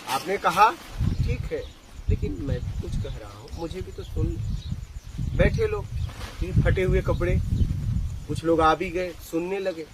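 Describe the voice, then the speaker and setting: A man's voice: high-pitched, unhurried, long pauses, heavy background noise. A man, a spiritual teacher, telling stories and teaching at a satsang, often asking his listeners rhetorical questions. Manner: animated, asks the audience rhetorical questions. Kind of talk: satsang discourse with storytelling.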